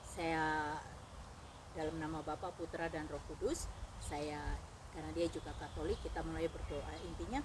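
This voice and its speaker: A woman giving a personal faith testimony as a lively storyteller who acts out the dialogue. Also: low voice, moderate pace. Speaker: ministry speaker. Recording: noisy background.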